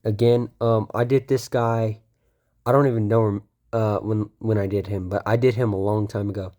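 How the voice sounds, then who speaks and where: Speaking at normal speed in a lowish, dark, fairly even voice, a young man gives a casual tour of his toys. The talk is rambling and full of ums and self-corrections, with a slight cold-induced stuffiness.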